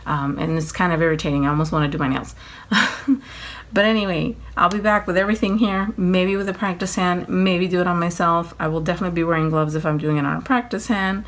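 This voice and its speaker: A tired woman chatting casually through a nail-kit unboxing at home, rambling, apologizing and filling pauses with ums. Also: lowish voice. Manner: rambling, apologetic, many fillers, laughs often. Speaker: nail vlogger.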